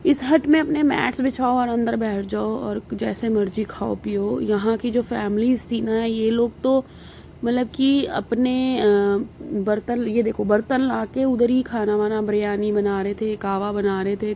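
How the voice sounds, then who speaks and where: A woman with an Indian accent talks over her family travel footage in an easy, rambling way, pausing often on small fillers. Her voice sits a little high but sounds warm and mellow. A faint hiss of noise runs under the recording. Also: gravelly. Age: adult with young children. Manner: chatty, relaxed storytelling with many fillers. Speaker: vlogger.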